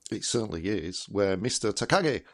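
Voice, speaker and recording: Brief: middle-aged man, lower voice, easygoing co-host who keeps agreeing. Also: expressive, fairly quick. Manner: agreeable, affirming. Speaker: podcast co-host. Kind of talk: casual chat.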